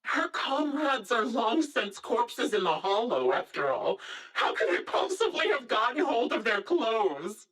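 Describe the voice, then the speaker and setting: A woman's voice: fairly high pitch, big pitch swings, measured pace, fairly bright tone, poor audio. A woman playing a sadistic female villain sniper in a game, mock-sweet and gleefully taunting in a theatrical way. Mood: mock apology.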